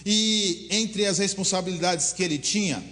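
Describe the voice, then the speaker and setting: A man's voice: high-pitched, moderate pace, sharp tone. A man preaching, telling a story and repeating key phrases for emphasis. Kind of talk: sermon storytelling. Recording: long hall reverb.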